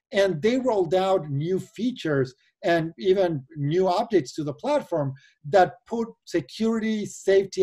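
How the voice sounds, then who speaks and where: His mellow voice sits high as he earnestly explains his views in a video interview. He is a venture capital investor guest in his forties from Argentina, speaking with an Argentine Spanish accent.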